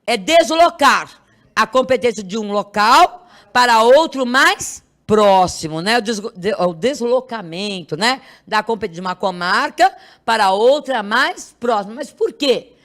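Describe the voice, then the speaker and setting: A woman's voice: fairly high pitch, animated, measured pace, fairly bright tone. A woman with a Brazilian Portuguese accent teaching an exam review class, quizzing the students with constant rhetorical questions and repeating key terms. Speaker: law exam prep teacher.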